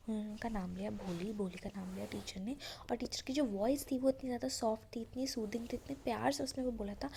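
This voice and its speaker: A woman teacher explains a story line by line in a relaxed way. She often drops into half-whispered speech. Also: fairly high pitch, creaky, a little hiss or hum. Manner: relaxed, retells each line and explains it, often says "you know". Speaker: English teacher.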